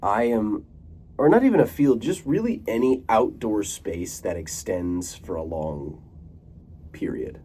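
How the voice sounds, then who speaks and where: A man's voice: fairly low pitch, lively intonation, unhurried, warm tone, slightly rough. A young man talking casually to camera in a rambling monologue, full of fillers, restarts and casual swearing. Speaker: vlogger.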